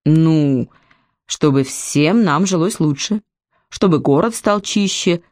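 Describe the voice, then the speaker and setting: Naive, earnest young man read by a woman narrator; low, dry delivery. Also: slow, a little mellow, no echo.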